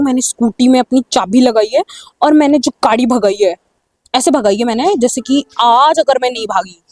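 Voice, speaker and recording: Young woman telling a casual story, high voice. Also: no echo, studio quality. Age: young adult. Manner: animated, mixes Hindi and English. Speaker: storyteller vlogger.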